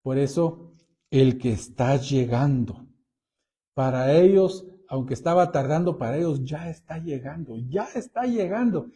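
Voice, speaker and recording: A man preaching a Bible-teaching sermon, explaining verses in a deliberate way and calling his listeners brothers. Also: on the high side, expressive, dark tone, slightly rough.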